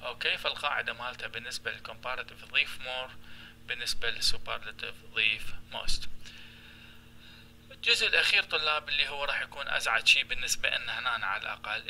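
A man with an Iraqi Arabic accent teaches a recorded lesson. His voice is very bright and sharp with a gravelly rasp. He explains patiently, step by step, and repeats each example word. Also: mid-range voice, a little hiss or hum, poor audio. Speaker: English teacher.

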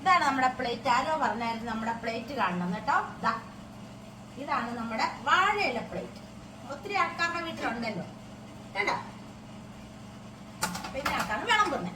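High-voiced chatty woman vlogging from home. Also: animated, moderate pace, pauses often, reverberant, recorded from a distance, background noise. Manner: chatty, keeps checking in with viewers with tag questions. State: throat strained from talking. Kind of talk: casual chat to camera. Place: home kitchen.

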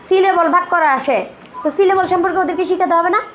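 A woman's voice: very high voice, fairly even intonation, very fast, a little hiss or hum. A woman giving firm instructions to teachers, often posing rhetorical questions. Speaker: teacher trainer.

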